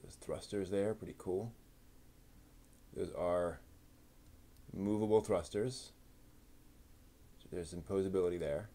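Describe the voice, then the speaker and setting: As he builds a model kit, this host keeps up a relaxed stream of muttered thoughts and part numbers. His voice is low-pitched and mellow, with a steady tone, a slow pace and long pauses.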